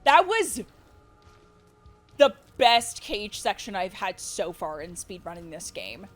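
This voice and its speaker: A woman speedrunner giving live commentary on her game, cooing baby talk to the creature and bursting out loud when things go well or wrong. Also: mid-range voice, slow, faint music behind. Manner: excitable, with sudden loud outbursts. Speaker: speedrunner streamer.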